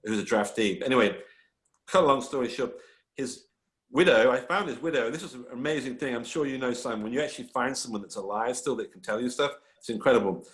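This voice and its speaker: A man's voice: mid-range voice, quick pace. Enthusiastic rambling male storyteller, roomy echo. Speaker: author guest. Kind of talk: casual panel talk.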